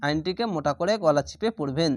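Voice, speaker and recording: A man teaching Quran reading, spelling out each letter and syllable and then drawing the joined word out slowly. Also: on the high side, no echo, clean studio sound. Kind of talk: spelling-out Quran recitation lesson.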